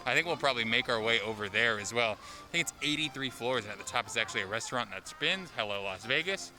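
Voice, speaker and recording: A man's voice: mid-range voice, lively intonation, fast talker. A man hosting a travel vlog, chatting and joking as he walks around an amusement park. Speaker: vlog host. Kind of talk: casual vlog narration. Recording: outdoor vlog with loud park music.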